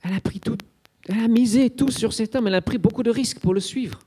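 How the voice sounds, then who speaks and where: A man's voice: very high-pitched, quick pace, mellow, slightly rough. A man preaching an Easter sermon, telling it as a vivid story with frequent little fillers. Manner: vivid storytelling, dramatizing the scenes; frequent fillers like "hein" and "euh".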